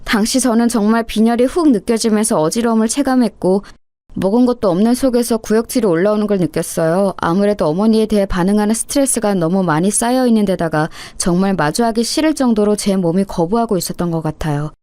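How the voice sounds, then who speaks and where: A woman's voice: mid-range voice, fast talker, mellow, dry recording. A woman in her thirties narrating a first-person story as a daughter-in-law, in a confiding, aggrieved way.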